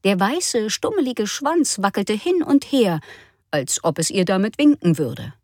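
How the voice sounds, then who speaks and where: Woman narrator, children's story, slow and animated. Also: mid-range voice, no echo, clean studio sound. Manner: lively, expressive storytelling.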